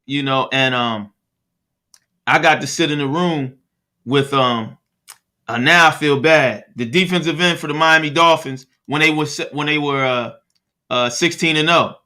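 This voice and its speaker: A male podcast host chatting in a relaxed, friendly way and trailing off as he searches for words. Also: on the high side, unhurried. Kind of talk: casual podcast interview.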